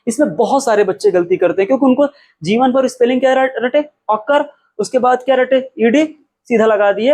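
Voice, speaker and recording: A man from India teaching an English spelling lesson, repeating key words slowly and answering his own questions as he explains. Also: high voice.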